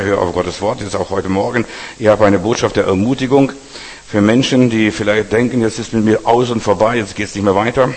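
A male preacher with a husky voice giving a blunt, exhorting sermon to his congregation; German is not his first language. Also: on the low side, darkish tone. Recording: long hall reverb.

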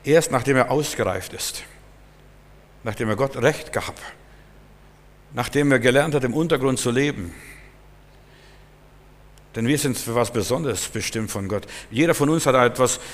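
Male preacher, emphatic sermon, acts out Bible scenes, mid-pitched voice, long hall echo. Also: normal speed, pauses often.

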